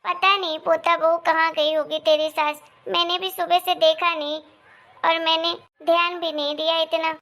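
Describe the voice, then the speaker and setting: A woman's voice: very high voice, flat delivery, moderate pace, pushed and bright. A woman voicing a kind, protective old grandmother in a cartoon story, speaking in a reassuring, affectionate way.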